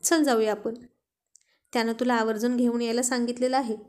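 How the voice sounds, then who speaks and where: Brief: woman narrator voicing a teasing young husband in an audio love story, high and playful. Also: flat delivery, fairly quick, darkish tone, natural voice.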